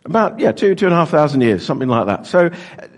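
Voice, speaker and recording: A middle-aged man preaching an interactive sermon as pastor, lively and joking as he draws in the congregation. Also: on the high side, fast. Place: large church with long reverb. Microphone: handheld microphone. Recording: echoey church hall reverb.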